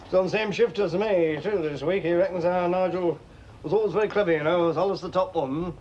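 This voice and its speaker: An actor as a gruff miner father. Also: high-pitched, a little fast, a little mellow, dull audio, slight background noise, natural voice. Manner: blunt, scornful, grumbling with dry laughs. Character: gruff middle-aged miner father, scornful and bitter.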